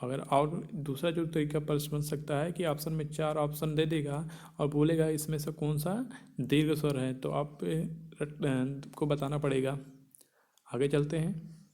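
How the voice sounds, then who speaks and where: A man's voice: on the high side, flat delivery, measured pace, dark tone. A male teacher giving an exam-prep grammar lesson, posing questions and answering them himself and repeating key points.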